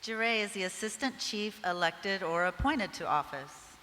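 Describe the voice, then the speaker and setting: A woman's voice: mid-range voice, expressive, unhurried, pushed and bright, slight background noise. Woman announcer reading in a reverberant hall. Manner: formal, reading prepared introductions. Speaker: pageant announcer. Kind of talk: scripted announcing. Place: event hall.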